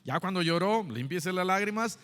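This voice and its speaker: Storytelling pastor in a reverberant church. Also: male voice, sits high, lively intonation, normal speed, fairly bright tone, smooth. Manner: conversational storytelling with many fillers and restarts. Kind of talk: Sunday school sermon. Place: church hall. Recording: long hall reverb.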